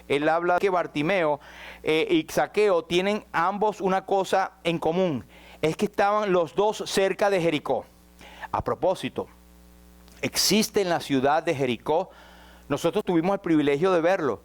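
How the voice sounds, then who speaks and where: Man, pastor, sermon, high voice, rises and falls dramatically, asks the congregation questions. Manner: dramatic swings between raised and hushed passages; addresses the congregation directly with questions.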